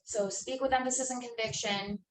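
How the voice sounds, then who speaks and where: Coaching new sales agents, a woman in her twenties speaks emphatically and uses plenty of fillers. Her voice is a little high and brisk with fairly even intonation, and there's slight background noise. The sales trainer sounds distant in an echoey room with faint ambience.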